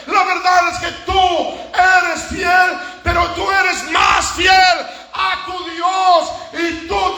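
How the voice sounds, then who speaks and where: A preacher acting out a grieving ancient king, shouting in tearful pleading. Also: high voice, reverberant, in a large hall. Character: grieving ancient king, older man, anguished.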